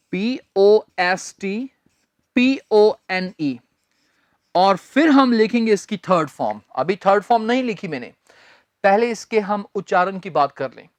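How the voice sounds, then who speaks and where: A man teaching English grammar in a recorded lecture, speaking deliberately, spelling words letter by letter and repeating key phrases. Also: very high-pitched, dry recording, studio quality.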